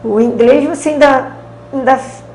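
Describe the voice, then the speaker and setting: Brazilian woman telling lively anecdotes. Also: high-pitched, moderate pace, reverberant, slight background noise. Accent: Brazilian Portuguese. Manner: lively anecdotes, acting out quoted dialogue, slangy. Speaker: karate champion interviewee. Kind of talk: storytelling in a casual interview.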